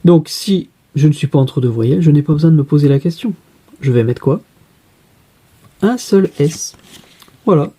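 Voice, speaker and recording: A male teacher with a very dark, mellow voice and a husky edge. He talks through a spelling lesson patiently, asking a question and then answering it himself step by step. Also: on the high side, a little fast.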